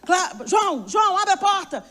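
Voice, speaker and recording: A woman's voice: very high-pitched, expressive, racing, a bit bright, long reverb tail, pitched above the performer's own voice. A woman preacher voicing her anxious older father, who pleads over a crying grandchild. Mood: pleading. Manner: pleading, flustered.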